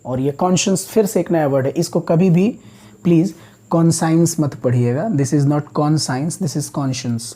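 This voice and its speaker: A man's voice: a little high, moderate pace, mellow. A man teaching English vocabulary as a classroom lecture, explaining words patiently, step by step.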